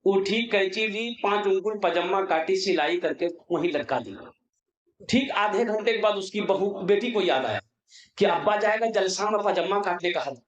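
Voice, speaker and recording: A man with a high voice preaches at a religious gathering, speaking into a stage microphone. He tells a comic folk story with animated delivery and acts out the lines of each family member in it. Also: moderate pace, roomy sound, dull audio. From Kolkata, India. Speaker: Islamic preacher.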